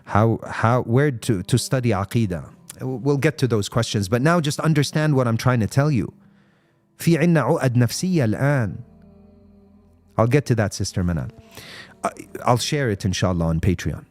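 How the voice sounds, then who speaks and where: A man's voice: mid-range voice, lively intonation, a little fast, darkish tone, faint music behind. A man giving an impassioned live-stream talk on faith, answering viewers' comments and mixing English with Arabic phrases and rhetorical questions. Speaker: Islamic speaker.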